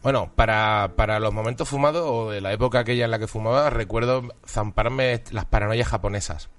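A man's voice: on the low side, brisk. A man with a Castilian Spanish accent chatting casually and slangily as a podcast guest. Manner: slangy, colloquial, sweary. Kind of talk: casual chat. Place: podcast recorded in a garage. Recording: slightly distant from the mic.

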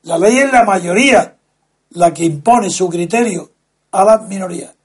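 A man talks through his point as a guest, slow and deliberate, hitting key words with weight. His voice sits fairly high for a man and has a husky, slightly rough edge. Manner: slow, deliberate, lecturing, emphatic stresses. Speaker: guest speaker. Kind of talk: measured explanatory talk.

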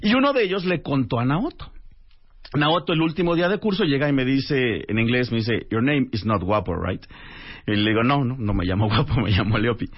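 A man, a radio guest telling a lively anecdote and acting out the dialogue. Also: mid-range voice, brisk, breathy edge. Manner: animated storyteller acting out dialogue. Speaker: radio guest, author and translator. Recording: dull lo-fi radio audio.

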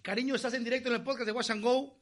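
A man's voice: very high-pitched, steady tone, racing, a bit bright. A man hosting a comedy podcast, laughing and easily flustered in casual chat. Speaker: podcast host.

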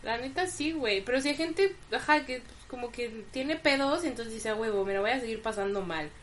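A woman's voice: on the high side, brisk, a little hiss or hum. A woman in her twenties with a Mexican accent, co-hosting a podcast and telling stories in frank, slangy chat. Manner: slangy, frank, animated storyteller. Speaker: podcast co-host. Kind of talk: casual storytelling chat.

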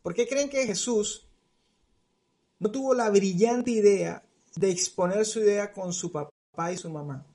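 High, gravelly preacher. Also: male voice, measured pace, mellow. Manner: repetitive, emphatic, addresses listeners directly. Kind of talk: sermon to parents and teens.

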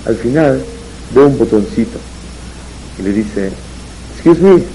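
A man delivers a rabbi's Torah lesson full of anecdotes. His voice is warm and dark, and it rises and gets louder when he drives a point home. A faint hiss sits under the recording. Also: on the low side, measured pace, low-quality recording. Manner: storytelling, rising and louder on emphatic points. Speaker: rabbi giving a Torah talk. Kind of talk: religious lecture with anecdotes.

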